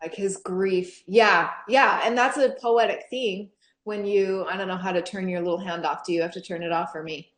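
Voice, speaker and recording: A woman's voice: mid-range voice, moderate pace. Chatty woman teaching in an echoey room. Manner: chatty, animated, laughs often, lots of fillers. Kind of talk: scripture class teaching.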